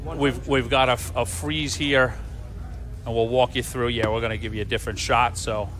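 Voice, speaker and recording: A man's voice: medium pitch, fairly even intonation, normal speed, fairly bright tone, slight background noise. A man giving live sports commentary on a darts match.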